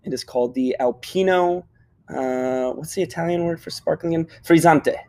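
A man's voice: fairly high pitch, normal speed, warm tone. A man co-hosting a podcast in casual chat, upbeat and jokey, often stopping to explain terms. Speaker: podcast co-host.

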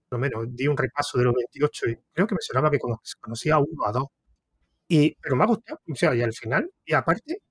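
Here the Andalusian-accented podcast interviewer from Córdoba, Spain, sounds husky and on the high side as he rambles through a casual conversation full of hesitations and restarted thoughts. There's no echo on the recording.

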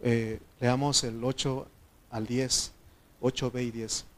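A man's voice: mid-range voice, flat delivery, takes it slowly. A man preaching a sermon in a conversational way, often asking the congregation questions. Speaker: pastor.

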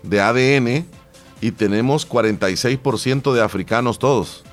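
A man with a Salvadoran Spanish accent hosting a morning radio show, reading the news and chatting casually in a relaxed way. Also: mid-range voice, normal speed, soft background music.

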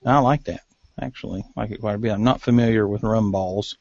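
A man's voice: fairly low pitch, fast talker, muffled recording, noisy background. A man with an Appalachian hillbilly accent, chatting casually as co-host of a podcast. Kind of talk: casual cigar talk.

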